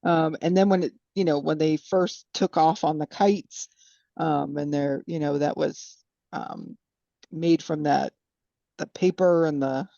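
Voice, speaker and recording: Woman talking about a book kinda hesitant, lots of um, mellow voice, bit muffled. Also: deep voice, fairly even intonation, measured pace, creaky, no room sound. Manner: hesitant, lots of fillers and "you know". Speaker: podcast panelist. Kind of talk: casual book discussion.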